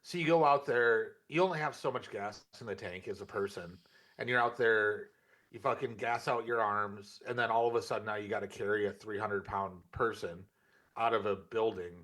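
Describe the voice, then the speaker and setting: An American man chatting casually in a discussion, with a measured, halting conversational delivery. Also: lowish voice, fairly bright tone.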